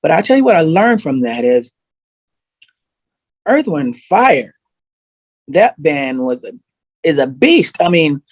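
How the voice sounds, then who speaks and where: Speaking unhurriedly with long pauses, a male guest singer chats casually on a video call. His storytelling is animated and full of restarts, his voice leans high, and there's no room sound.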